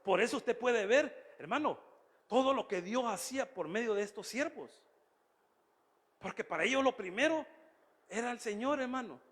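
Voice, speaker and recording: A pastor with a high voice preaches emphatically, drumming on "brother" after nearly every point. His sermon rings through a church hall with a long reverb tail. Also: animated, moderate pace, pauses often, a bit bright. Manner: emphatic, keeps addressing listeners as "brother".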